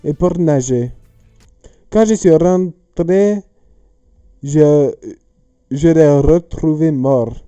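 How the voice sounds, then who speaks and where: A man putting on a halting foreign-accented young woman. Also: a little high, dark tone, clean tone, muffled recording, soft background music. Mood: breezy. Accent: foreign put-on accent. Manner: reads the part haltingly, correcting himself.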